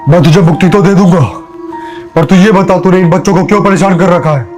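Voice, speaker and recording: A man plays a stern exorcist holy man who hurls commanding threats in a horror film. His voice is raised and distant, with music clearly behind it. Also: high-pitched, a little fast, natural voice.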